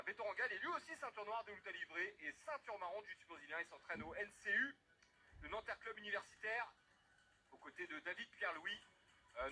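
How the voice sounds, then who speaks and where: A man's voice: high-pitched, sharp tone. A man giving sports broadcast commentary as lead commentator, presenting the fighters before a bout. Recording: music playing under the voice.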